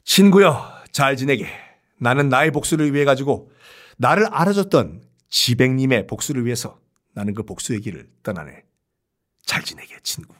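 A man voicing a disguised avenger speaking low and hushed to himself and his friend. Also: big pitch swings, normal speed. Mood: solemn.

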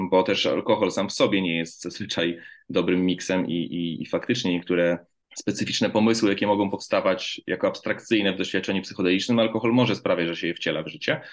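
A man hosting an interview, talking in a loose, chatty way and telling stories with frequent restarts. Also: sits low. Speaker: podcast host. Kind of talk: conversational interview.

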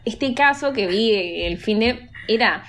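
A young woman with a Rioplatense Spanish accent tells stories in a relaxed podcast chat. Her voice sits a little high and she sounds amused as she goes. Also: measured pace. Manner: storytelling, amused. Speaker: podcast co-host. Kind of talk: casual chat.

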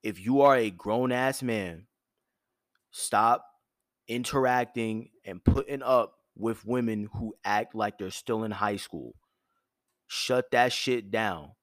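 A man's voice: fairly low pitch, takes it slowly, no echo, studio quality. Blunt, profane man lecturing firmly. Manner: firm yet soft tone. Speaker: host. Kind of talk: direct advice monologue.

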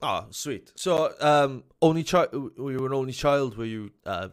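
A man's voice: medium pitch, expressive, measured pace. Young South Welsh male podcast host, chatty interview style, heavy on fillers. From South Wales. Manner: chatty, upbeat, frequent fillers and repeats. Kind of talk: casual interview chat.

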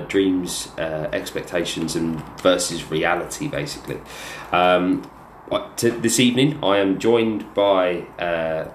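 Low-voiced man hosting, echoey. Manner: hesitant, sweary. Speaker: podcast host. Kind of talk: casual banter. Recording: echoey room with faint noise.

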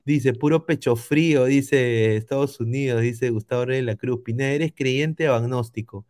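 A man's voice: mid-range voice, moderate pace, a little mellow. Rambling Peruvian man co-hosting a stream. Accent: Peruvian Spanish. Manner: rambling, stumbling restarts. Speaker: stream co-host reading chat. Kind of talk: casual chat.

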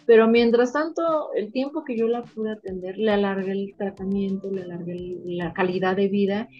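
A woman with a Mexican accent, a veterinarian guest in an interview, telling her stories in an animated, emotional way. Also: mid-range voice, moderate pace, lo-fi sound, soft background music. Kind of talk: casual interview storytelling.

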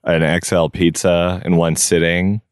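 A man's voice: low-pitched, level tone, measured pace, smooth, no echo, studio quality. A man co-hosting a podcast, chatting casually outdoors in a backyard. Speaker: podcast co-host. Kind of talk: casual chat.

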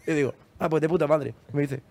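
A man's voice: a little high, brisk, vocal fry. A young man with a Spain Spanish accent telling a story in casual podcast chat, acting out the lines of the people in it and laughing often. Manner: animated, acts out quoted dialogue, laughs often. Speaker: podcast host.

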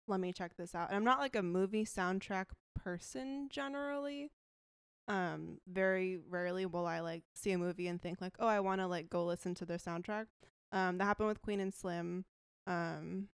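A woman's voice: mid-range voice, clean tone, no echo, clean studio sound. A woman co-hosting a casual movie chat, bubbly and full of fillers. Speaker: podcast co-host.

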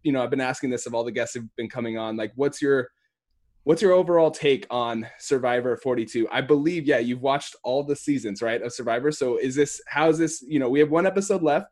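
A man hosting a casual podcast, talking in a halting, rambling way and often correcting himself. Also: mid-range voice, darkish tone. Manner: halting, rambling, laid-back phrasing full of hedges and self-corrections. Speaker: podcast host.

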